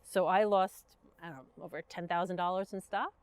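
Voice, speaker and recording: Brooklyn-accented woman, guest entrepreneur, chatty and earnest, smooth voice, dry sound. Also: on the low side, steady tone, brisk, no room sound. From Brooklyn, New York. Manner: chatty, storytelling, earnest, many fillers. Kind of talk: casual interview chat.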